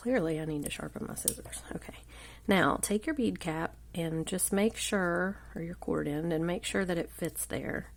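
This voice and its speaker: A woman with a cold sounds congested and gravelly, her fairly low voice moving at a normal speed. She chats and rambles through a casual live craft tutorial at an indoor craft table, often dropping to a murmur, while an overhead camera films her hands.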